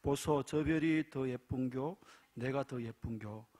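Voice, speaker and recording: A man's voice: medium pitch, slow pace, darkish tone. A man doing a blunt Gyeongsang wife. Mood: plain. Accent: Gyeongsang dialect. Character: plain-spoken Gyeongsang wife, middle-aged woman.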